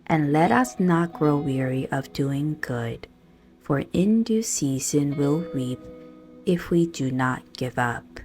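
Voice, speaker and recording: With soft guitar music in the background, a low-voiced woman guides a prayerful meditation in a very slow, soothing manner, pausing in measured beats between phrases. Her delivery also comes across as animated.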